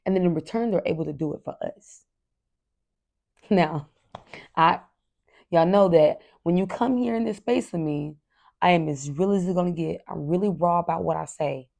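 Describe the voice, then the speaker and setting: A woman hosting her own parenting podcast, speaking in an earnest, candid monologue aimed right at her listeners. Her voice sits on the low side with a gravelly edge and a mellow, dark tone. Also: normal speed, pauses often. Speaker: podcast host.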